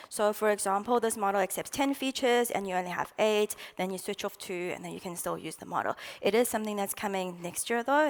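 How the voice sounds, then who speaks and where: A woman founder giving a startup pitch presentation in a salesy, jargon-laden way.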